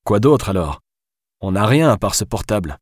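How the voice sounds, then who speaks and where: A man reading as a frustrated fugitive who grumbles and defends himself. The voice sits low and plain, close to the reader's own. The recording is dry and close. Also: big pitch swings, moderate pace, breathy edge, dry recording. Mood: grumbling. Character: frustrated man on the run, stubborn. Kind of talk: audiobook character voice.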